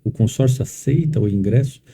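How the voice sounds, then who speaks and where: A man hosts a podcast and puts long, carefully framed questions to his guest. His voice is dark and mellow, with a husky edge. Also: medium pitch, a little fast. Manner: asks long, framing questions. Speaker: podcast host. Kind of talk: interview questions.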